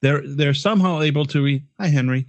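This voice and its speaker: Guy cussing and chuckling on a podcast, slightly high voice, dry close sound. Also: brisk, dry recording, dull audio. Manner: profane, laughing asides. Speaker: podcast co-host. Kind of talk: casual comedic chat.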